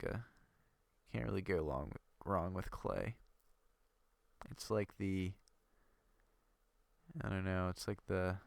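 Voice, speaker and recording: A young gaming video creator with a cold-stuffed nose offers casual gameplay commentary, rambling and thinking aloud with plenty of fillers. His voice is low and creaky with no room sound.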